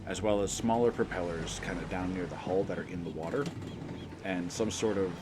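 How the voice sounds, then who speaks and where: Deep-voiced man running a tabletop game. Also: a little fast, background noise. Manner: loose, rambling narration with fillers and restarts. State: coughing. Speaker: game master.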